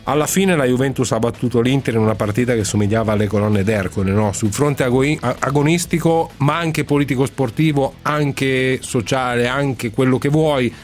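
A man's voice: medium pitch, moderate pace, few pauses. Male radio host over faint music. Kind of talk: conversational radio hosting.

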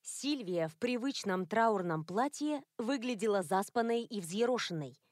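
A woman narrating a novel in a measured, expressive reading style. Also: mid-range voice, dry recording, studio quality. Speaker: audiobook narrator. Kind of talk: scripted narration.

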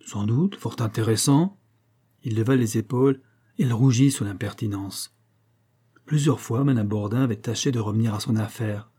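A man narrating an audiobook in a measured, even literary reading. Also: lowish voice, breathy edge.

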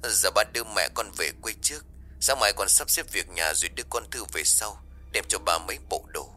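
A man voicing a grieving middle-aged father who speaks quietly and haltingly, each word choked. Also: on the low side, lively intonation, faint music behind. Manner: halting, subdued.

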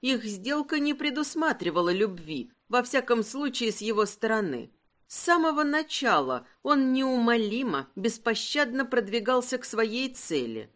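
A woman's voice: fairly high pitch, big pitch swings, a bit bright. Woman narrating a romance audiobook. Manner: smooth, measured storytelling. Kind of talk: scripted narration.

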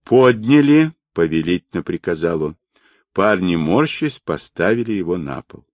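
A man narrating an audiobook in an expressive storytelling way. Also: low-pitched, normal speed, dry recording. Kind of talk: scripted narration.

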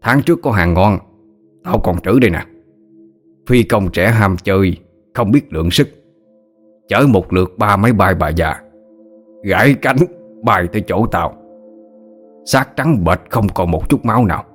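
A man's voice: fairly low pitch, expressive, unhurried, long pauses, faint music behind. A man voicing a coarse, foul-mouthed old ink dealer who curses and mocks as he talks. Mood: gruff, mocking. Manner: cursing, gruff, mocking.

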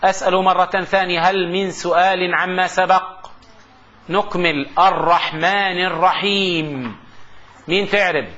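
A man teaching grammar in a lecture, with a high, bright voice. He poses questions to his students and drawls out his example phrases. The recording is dull and lo-fi. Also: steady tone. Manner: explains with rhetorical questions and slow recitation of examples. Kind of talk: classroom lecture.

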